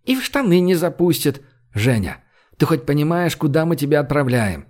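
A man's voice: on the high side, big pitch swings, normal speed, darkish tone. A man voicing a fussing, worried protector.

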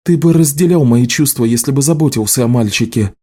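A man's voice: mid-range voice, brisk, mellow, husky, pitched above the performer's own voice, close to an everyday voice. A man voicing an anxious adult wife who scolds and pleads in a raised, tearful voice for an audiobook. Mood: angry, pleading.

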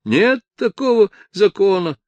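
A man's voice: high voice, animated, a little slow, darkish tone, no room sound, lo-fi sound, pitched above the performer's own voice. A man reading an audiobook, voicing a drunk police chief who complains in a slurred, sentimental way. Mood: drunk, whining. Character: drunk, maudlin small-town police chief.

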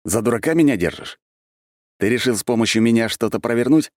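A man's voice: mid-range voice, brisk, dry recording, clean studio sound, pitched above the performer's own voice, close to an everyday voice. A man voicing the hero, a wry, stubborn male archmage, in a storybook reading. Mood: demanding.

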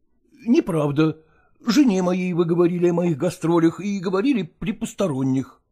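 A guarded, irritable middle-aged stage actor, as the male narrator voices him in an audiobook. He lectures sternly and dodges questions, and his pitch rises and falls widely. The voice sits a little higher than usual for a man. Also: animated, moderate pace, dark tone. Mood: stern, irritated. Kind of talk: audiobook character voicing.

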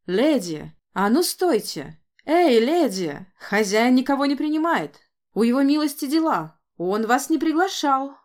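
A woman voicing a bossy male gatekeeper who shouts his orders. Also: sits high, sing-song, a little slow, pitched above the performer's own voice. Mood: shouting. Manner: loud and bossy.

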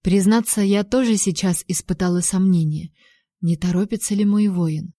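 A woman narrating a fantasy novel aloud in a measured, even storytelling voice. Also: medium pitch, no echo, clean studio sound. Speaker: audiobook narrator.

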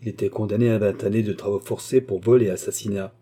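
A man's voice: fairly low pitch, fairly even intonation, fast talker, natural voice. A man voicing a cold, scheming villainous baronet who speaks curtly and imperiously in a storybook reading. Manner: curt, sharp, imperious.

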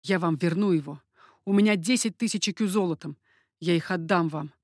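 Old moneylender, pleading, lowered voice, a woman narrator doing him, dry sound. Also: fairly quick, dry recording, natural voice. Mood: begging. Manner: pleading, humble. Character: old male Paris moneylender, begging father.

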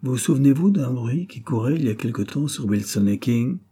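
Man doing serious respectable foreman, grave, husky, storybook. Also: medium pitch, expressive, brisk, warm tone, pitched above the performer's own voice. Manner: grave, announcing bad news. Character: respectable intelligent male foreman.

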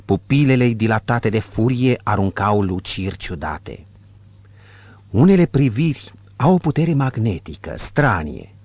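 A man narrating an audiobook in a measured, descriptive reading. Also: lowish voice, very animated, darkish tone, breathy edge, no echo, lo-fi sound. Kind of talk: scripted narration.

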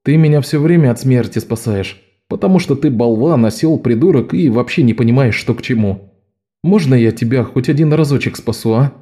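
A man voicing Locke, a wily adult male con man who talks in a wry, quiet way. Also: mid-range voice, fairly quick, lightly acted. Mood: tender.

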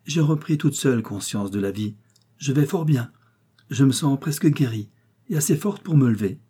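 A man's voice: mid-range voice, animated, normal speed, dark tone, slightly rough, voice pushed up. A man voicing a frail young woman recovering in bed, in an audiobook reading. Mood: weak. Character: weak young woman, shipwreck survivor.

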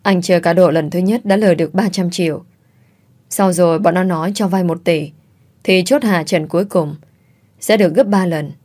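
A woman voicing a young husband deep in gambling debt, pleading and explaining himself. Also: normal speed, mellow, lightly acted. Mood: regretful. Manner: pleading, defensive.

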